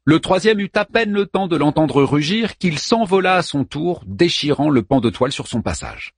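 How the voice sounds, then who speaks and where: Gravelly man narrating an epic tale. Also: fairly high pitch, normal speed, no echo, studio quality. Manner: dramatic, expressive storytelling. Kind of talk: scripted audiobook narration.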